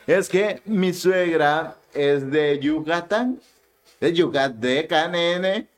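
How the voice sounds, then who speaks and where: A man's voice: on the high side, slow. A man with a Mexican accent co-hosting a casual live-streamed podcast, telling a story with acted-out quotes and frequent laughter. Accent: Mexican Spanish. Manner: animated storyteller, acts out quotes, laughs often. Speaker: podcast co-host.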